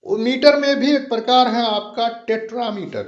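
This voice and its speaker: A man with a high voice explains a literature lesson patiently, going over each point again and slowing down for key terms. The recording is roomy and echoing, with a dull, lo-fi sound. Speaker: English literature teacher.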